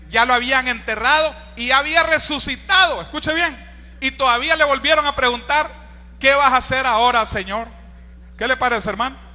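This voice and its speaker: A Honduran-accented male pastor preaches with a very high, ringing voice. His delivery is animated, rising to shouts when he quotes a cry and dropping into asides to the congregation. A long hall reverb trails every phrase. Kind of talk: sermon.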